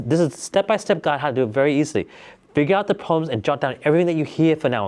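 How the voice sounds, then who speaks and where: A man talking casually to camera, coaching viewers on business ideas in an energetic, repetitive way. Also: mid-range voice. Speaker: business tips vlogger. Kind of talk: casual motivational talk to camera.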